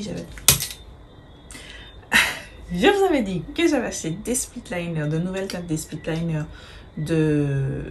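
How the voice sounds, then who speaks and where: Casting note: woman, low-ish voice, chatty makeup vlogger who hesitates a lot and swears casually, slight background hiss. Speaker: beauty vlogger. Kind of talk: casual makeup tutorial chat.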